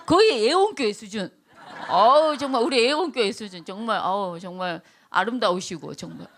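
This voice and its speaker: A middle-aged woman, a pastor's wife, giving a lively testimony talk, acting out the people in her stories and laughing often. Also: medium pitch, moderate pace. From South Korea. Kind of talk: testimony talk at a training event.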